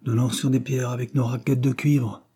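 A man's voice: mid-range voice, level tone, moderate pace, mellow, slightly rough, voice pushed up, natural voice. A man reading aloud and voicing a rude, eager schoolboy who is jealous of his brother.

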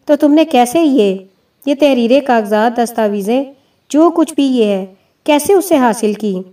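A woman's voice: a little high, animated, dark tone, close to an everyday voice. A woman reading as a curt, impatient army major. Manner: curt, pressing. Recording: distant mic.

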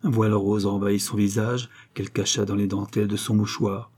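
A man narrating an audiobook of a novel in a measured, theatrical manner. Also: on the low side, flat delivery, darkish tone, breathy edge.

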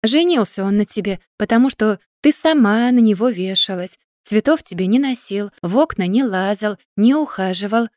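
A woman's voice: mid-range voice, lively intonation, normal speed, few pauses, a little mellow, no echo, clean studio sound, lightly acted. A woman voicing a stern, patient older brother in an audiobook, talking firmly and lecturing. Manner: firm, lecturing.

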